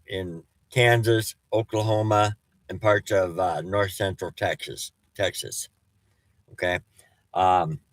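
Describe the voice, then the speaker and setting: A man with a slightly low voice talks slowly through a casual storm-chasing weather update. His s sounds whistle from false teeth. He is halting, often restarting mid-thought, and the sound is dry with little room to it. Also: no room sound.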